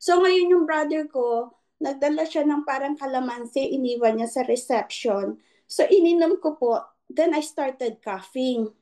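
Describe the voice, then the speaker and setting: A woman in her fifties, a nurse, telling an emotional personal testimony with vivid storytelling and many pauses. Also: high voice, dark tone. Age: 50s. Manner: vivid storytelling, acting out dialogue with frequent pauses. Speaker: guest sharing a testimony.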